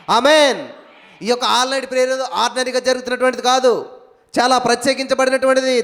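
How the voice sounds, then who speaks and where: A man pastor preaching at a live evening prayer, emphatic, firing rhetorical questions and calling out hallelujahs. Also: extremely high pitch. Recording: echoey hall reverb.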